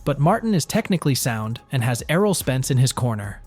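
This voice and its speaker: A man's voice: medium pitch, sing-song, a little fast, a little mellow, breathy edge, soft background music. A man narrating a scripted sports news report.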